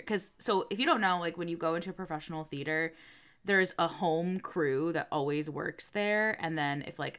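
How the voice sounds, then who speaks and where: A woman's voice: fairly low pitch, a bit bright, smooth. A young woman co-hosting a podcast, telling stories in a chatty way, full of fillers and laughing often. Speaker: podcast co-host. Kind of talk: casual chat.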